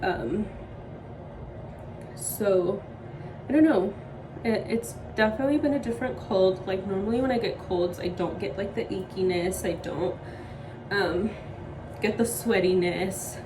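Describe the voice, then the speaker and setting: A woman's voice: mid-range voice, a little slow, pauses often, far from the mic, background noise. A young woman vlogging at home while sick, short of breath and with a sore throat, rambling casually with lots of "like" and "um". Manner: rambling, heavy use of "like" and "um". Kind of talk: casual chat to camera.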